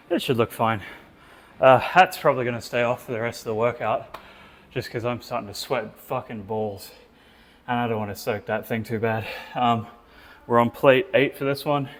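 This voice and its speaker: A man's voice: mid-range voice, a little hiss or hum. Breathless man vlogging mid-workout. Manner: chatty, swears freely, breathy between sets. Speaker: fitness vlogger. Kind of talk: casual gym vlog narration. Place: indoor gym.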